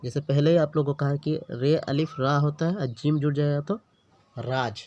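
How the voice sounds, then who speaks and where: An Urdu teacher, a man with a fairly high, mellow voice, leads a beginner language lesson at a normal pace, patiently sounding out letters and words one by one. He repeats each word and often checks in with the learner. The lo-fi recording sounds dull, with slight background noise.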